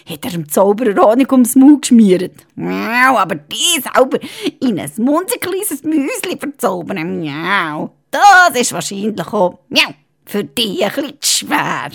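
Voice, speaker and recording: A woman with a Swiss German accent voicing a sly male talking cat who meows between phrases as he flatters. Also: medium pitch, a little slow, creaky, exaggerated voice. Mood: coaxing.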